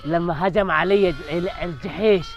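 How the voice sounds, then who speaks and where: A man's voice: high-pitched, a little fast, close to an everyday voice. A man playing a henpecked village husband thrown out by his two wives, complaining dramatically in a comic sketch. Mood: pleading. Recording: dull lo-fi sound.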